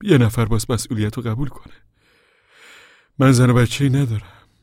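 A man voicing a stubborn male preacher who gives urgent commands in a husky voice. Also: medium pitch, steady tone, darkish tone, no echo, clean studio sound, voice pushed up, lightly acted.

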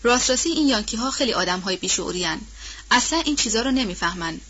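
A burly, loyal farmhand, read by a woman speaks in a heavy, husky voice with rustic, homespun phrasing. The tone stays bright and forceful. The audiobook recording sounds dull and lo-fi. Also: mid-range voice, animated. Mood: warm. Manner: colloquial rustic speech. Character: burly loyal male former farmhand, warm and overjoyed. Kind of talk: audiobook character reading.

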